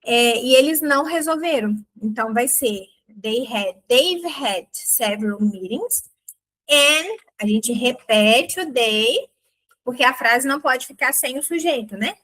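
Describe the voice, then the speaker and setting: A woman teaching an English grammar lesson in Portuguese, chatty and often checking that the learner follows. She slows right down to say each example sentence carefully. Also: sits high, animated, fairly bright tone.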